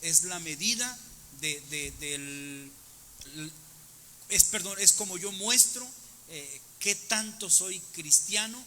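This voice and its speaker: A man's voice: high-pitched, animated, slow, pushed and bright, big-room sound, slight background noise. A man speaking earnestly in a church panel talk, preaching-style and emphatic, often repeating words as he searches for them. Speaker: church leader in a panel discussion.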